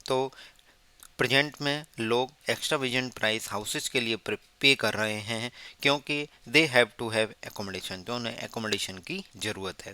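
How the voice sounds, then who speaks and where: A man with an Indian accent teaching exam vocabulary, spelling words out letter by letter and asking his students quick rhetorical questions. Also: mid-range voice, bright, forceful tone, clear, resonant tone. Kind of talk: exam-prep lesson.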